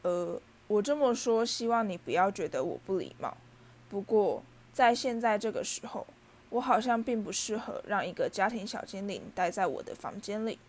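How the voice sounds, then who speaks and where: A woman's voice: medium pitch, expressive, moderate pace, natural voice. A woman voicing a polite, nervous boy wizard in a storybook reading, speaking hesitantly.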